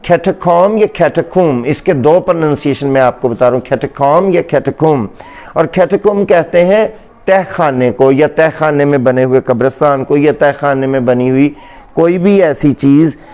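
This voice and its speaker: A male English teacher giving a pronunciation lesson, saying each word slowly and more than once so it can be heard well. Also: on the high side, darkish tone. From Pakistani Punjab. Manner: slow, deliberate repeating of each word. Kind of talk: pronunciation lesson in Hindi-Urdu.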